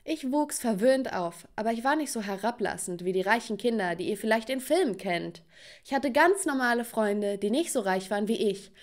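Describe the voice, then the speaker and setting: Woman narrating a first-person storytime. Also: on the high side. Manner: first-person, addresses viewers.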